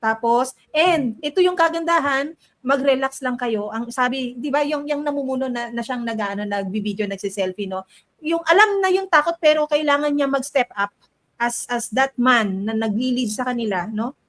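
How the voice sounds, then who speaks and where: A woman's voice: high-pitched, animated, normal speed, a bit bright. A woman co-hosting a political commentary show, chatty, reading viewer comments aloud. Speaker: co-host.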